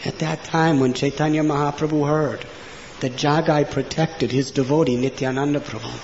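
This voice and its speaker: A man telling a devotional story as a sermon, earnest, with loud emphasis that drops to hushed phrase endings. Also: fairly high pitch, fairly even intonation, normal speed. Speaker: preacher. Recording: dull lo-fi recording with faint noise.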